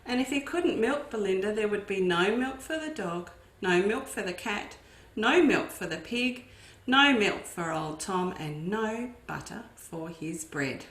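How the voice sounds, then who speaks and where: Reading a farm story to young listeners, a woman educator uses a medium-pitched, fairly bright and expressive voice at a measured pace. She breaks off now and then for asides to the children, and the recording echoes.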